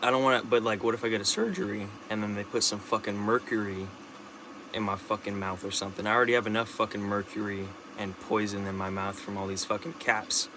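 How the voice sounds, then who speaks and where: A young man talking into his camera in a rambling, halting monologue, restarting sentences and swearing often. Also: fairly low pitch, little pitch movement, background noise. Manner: rambling, halting, with many restarts, fillers and curses. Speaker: vlogger.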